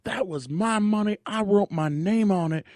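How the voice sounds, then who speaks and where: A man voicing an angry young woman dancer who shouts and repeats her demands, in a high strained voice. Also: moderate pace, no room sound, studio quality, natural voice. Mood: furious. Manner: shrill, shouting, repeating herself.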